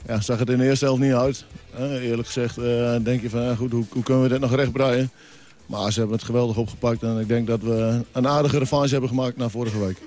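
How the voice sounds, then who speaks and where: A male football trainer talks fast in a mellow, dark voice. His melody stays level and he hesitates between clauses. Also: mid-range voice, fairly even intonation. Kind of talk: post-match interview.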